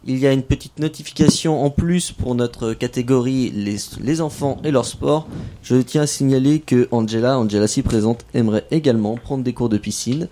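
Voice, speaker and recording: A man's voice: mid-range voice, normal speed, warm tone, a little hiss or hum. Playful French man hosting radio. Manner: playful, self-mocking and encouraging. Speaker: radio show host. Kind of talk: casual radio chat with children.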